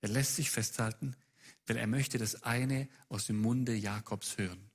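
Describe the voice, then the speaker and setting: A man's voice: mid-range voice, steady tone, a little slow. A man preaching a sermon who presses his listeners with a long run of urgent rhetorical questions.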